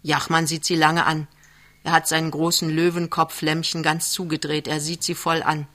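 A man narrating a novel aloud in calm, even, scripted storytelling. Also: on the high side, moderate pace. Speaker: audiobook reader.

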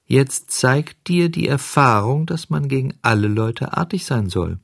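A man voicing a small, wise, fussy cricket in an audiobook, speaking high and scolding primly. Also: expressive, unhurried, vocal fry, dry recording, clean studio sound. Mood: reproachful. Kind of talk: audiobook character voice.

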